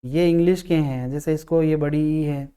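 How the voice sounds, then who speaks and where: A man teaching English grammar, explaining patiently, repeating key words and sounding out vowels slowly. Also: fairly high pitch, warm tone, clear, resonant tone. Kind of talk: classroom-style explanation.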